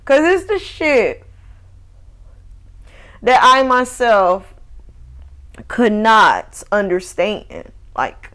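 A woman's voice: on the high side, big pitch swings, very slow, pauses often, fairly bright tone. A woman, hosting a casual solo podcast rant that is profane and rambling, full of laughs and restarts. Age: 30s. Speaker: podcast host.

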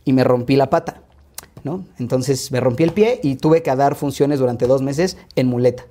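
A man in his thirties from Mexico with a Mexican Spanish accent, telling childhood stories as an interview guest in quick, lively anecdotes full of asides. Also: medium pitch. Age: 30s. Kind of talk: relaxed interview storytelling.

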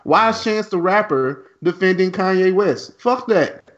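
A man co-hosting a casual podcast chat, blunt and animated, laughing often and swearing freely. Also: sits high, measured pace, highs cut off. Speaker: podcast co-host.

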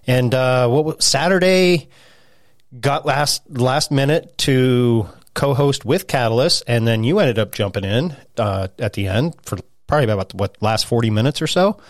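A man's voice: mid-range voice, animated, moderate pace, dry recording, clean studio sound. Laid-back man in his forties podcasting. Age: 40s. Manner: laughs often, easygoing, swears. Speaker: podcast co-host. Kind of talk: casual crude banter.

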